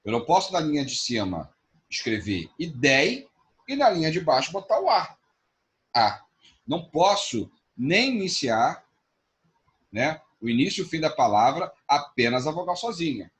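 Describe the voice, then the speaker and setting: A man's voice: on the high side, sing-song, normal speed, a bit bright. A man with a Brazilian Portuguese accent, teaching a class and explaining each point with frequent tag questions. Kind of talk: online class lecture.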